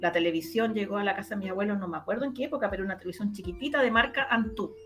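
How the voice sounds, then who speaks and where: Speaking over music at a racing clip, a medium-pitched woman with a Chilean Spanish accent shares recollections as an interview guest. A radio drama producer, she chats casually and leans on repeated words for emphasis.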